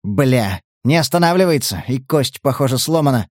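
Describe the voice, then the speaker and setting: A man's voice: mid-range voice, animated, normal speed, darkish tone, no room sound, close to an everyday voice. Brief: a man playing a clipped, sarcastic soldier, dry close read. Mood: urgent. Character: brisk male soldier, sarcastic and practical.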